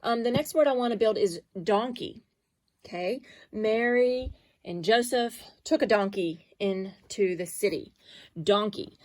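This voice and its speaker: A woman's voice: mid-range voice, darkish tone, no room sound. Patient woman teaching phonics. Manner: patient, sounding out letters slowly. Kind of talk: phonics lesson for children.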